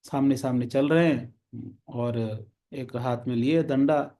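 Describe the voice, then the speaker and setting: A man's voice: mid-range voice, fairly even intonation, unhurried, warm tone. A man preaching, telling a devotional story and acting out the characters' lines in different voices.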